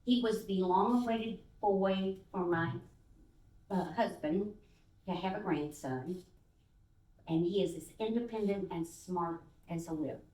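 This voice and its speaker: A woman's voice: medium pitch, unhurried. An older woman from Texas, a guest speaker giving a sermon, telling stories with fillers and acting out the voices of the people in them. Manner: animated storyteller who acts out voices, with fillers. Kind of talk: storytelling sermon. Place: church sanctuary. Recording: roomy sound from a distance.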